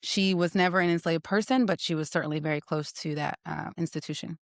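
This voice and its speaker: Playful woman podcast host, low voice. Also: steady tone, fast, no room sound, clean studio sound. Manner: playful, teasing, laughs often. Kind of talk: casual interview chat.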